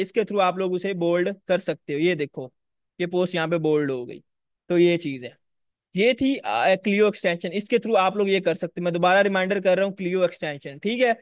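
A fairly high-pitched man walks viewers through a live screen-share tutorial. He talks casually and repeats himself, often checking whether they can see his screen. The voice sits dry and close to the mic. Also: no room sound. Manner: casual, repetitive, addresses viewers directly. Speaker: online course instructor.

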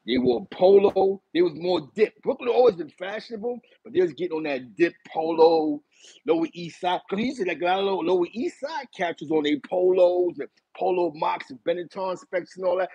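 A middle-aged man from East Harlem with a New York accent, telling stories in a casual chat from a small room, animated and talking with his hands. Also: high voice, vocal fry, slightly rough, no room sound, rough recording. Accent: New York City. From East Harlem, New York City. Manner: animated, gestures a lot while reminiscing. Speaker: host. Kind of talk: casual storytelling to a live chat. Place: small bright room indoors.

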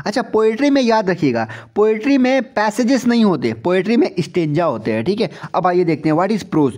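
Male tutor, high-pitched, exam-prep lecture; reads definitions slowly, then explains them, with rhetorical questions. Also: lively intonation, a little mellow. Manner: asks rhetorical questions to the viewer. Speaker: teacher.

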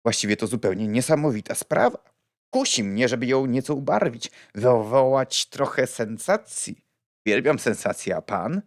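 A man reading an audiobook and voicing a lively, blunt young woman with a playful, outspoken manner. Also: mid-range voice, moderate pace, dry recording, clean studio sound, close to an everyday voice. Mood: teasing.

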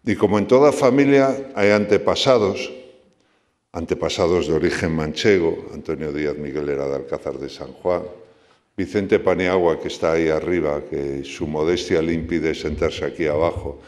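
A man in his sixties speaks at an awards gala in an animated, sometimes halting way. His voice is notably deep. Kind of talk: acceptance speech. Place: event hall.

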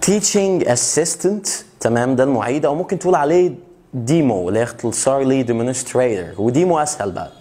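A young Egyptian man with a mid-pitched voice runs a relaxed English lesson, dropping jokes between examples. Whenever an English word comes up he slows down and draws it out carefully so the learner can copy it. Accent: Egyptian Arabic. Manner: slows down and stretches out English words to drill pronunciation; joking, chatty asides. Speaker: English teacher. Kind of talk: casual video lesson explaining vocabulary.

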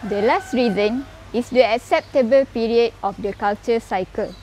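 A young woman presenting an educational explainer on farming, reading facts and figures in a steady, explanatory way, filmed at medium distance. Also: a little high, normal speed, a little hiss or hum. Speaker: aquaculture presenter. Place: indoor aquaculture lab and outdoor farm area.

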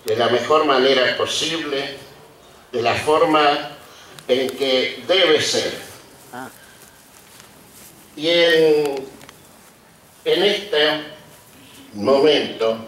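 A sixty-five-year-old Argentine man, a retired teacher being honored, delivers an emotional acceptance speech in an outdoor colonial courtyard to a seated audience. His mid-range, fairly bright voice trembles as he reminisces haltingly, pausing deliberately and often. Podium microphones on stands pick him up with a roomy, distant public-address sound.

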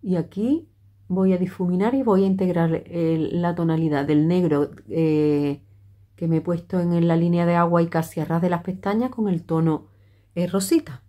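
This makeup vlogger is a middle-aged woman with a lowish, dark voice speaking at normal speed. She chats through her tutorial, often restarting and leaning on fillers.

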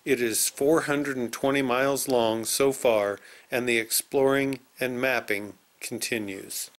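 Male narrator with a mid-pitched voice. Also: steady tone, measured pace. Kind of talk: scripted narration.

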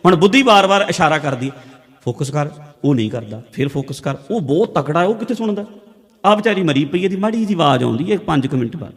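Punjabi preacher in a reverberant hall. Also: male voice, on the high side, animated, fast. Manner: conversational, repetitive teaching with everyday examples. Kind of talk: religious discourse. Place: large hall with a congregation.

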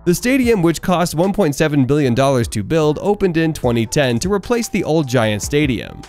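A man's voice: medium pitch, darkish tone. A man reading a scripted top ten countdown, lifting his voice on each new number and reading the facts evenly. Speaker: narrator of a top ten list channel. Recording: voice-over with faint background music.

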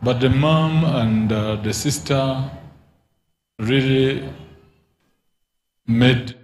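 A man leading deliverance prayer as a prophet, speaking in a commanding, deliberate way into a handheld mic. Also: mid-range voice, darkish tone. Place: large church hall with crowd. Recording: echoey church hall, faint noise.

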